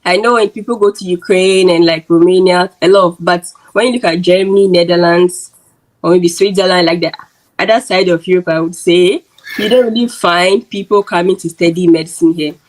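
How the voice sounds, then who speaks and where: A Ghanaian woman hosts her YouTube channel, interviewing in a casual, chatty way and peppering her speech with "like." Her voice is lowish and fairly even in intonation, a little fast, and the audio quality is poor.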